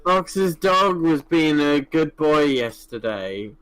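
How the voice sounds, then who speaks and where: A man playing in a tabletop game, chatting in a relaxed, fond way. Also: a little high, slow pace, rough recording. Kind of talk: casual tabletop game chat.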